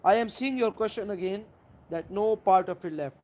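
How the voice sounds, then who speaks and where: Halting Pakistani-accented live streamer, emphatic in bursts. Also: mid-range voice, darkish tone. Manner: halting, repetitive, with searching pauses and emphatic bursts. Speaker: live stream host replying to a viewer. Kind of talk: unscripted religious argument to viewers.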